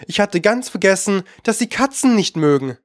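A man's voice: high-pitched, animated, normal speed, no room sound, clean studio sound, voice pushed up. A man voicing a polite, curious young girl who talks eagerly and coaxingly.

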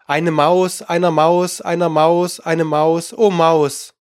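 A man's voice: fairly high pitch, level tone, takes it slowly, dry recording, studio quality. A man voicing a polite, curious young girl who talks eagerly and coaxingly.

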